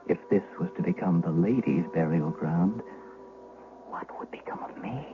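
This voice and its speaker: A man with a low-pitched, fairly everyday voice acts as a scared, servile young shepherd boy narrating his own story in an old-time radio drama. Anxious and haunted, filled with dread, he stammers and hesitates under questioning at a moderate pace. The sound is that of a muffled vintage 1970s radio broadcast.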